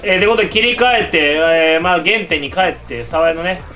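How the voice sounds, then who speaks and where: A man hosting excited game commentary, yelling at his teammates and the game. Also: sits high, fairly quick. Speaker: gaming channel host.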